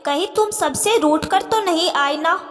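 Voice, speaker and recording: A woman voicing a caring middle-aged stepmother who gently coaxes her daughter, in a reverberant room. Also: very high-pitched, measured pace. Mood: worried.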